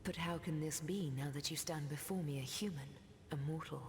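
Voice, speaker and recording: An actress voices an ancient mystical seer who weaves threads of time, in scripted fantasy game dialogue. Her low, breathy female voice delivers solemn, cryptic, archaic lines briskly, often sinking toward a whisper, with a searching, wistful mood. There's slight background noise and long, cavernous reverb.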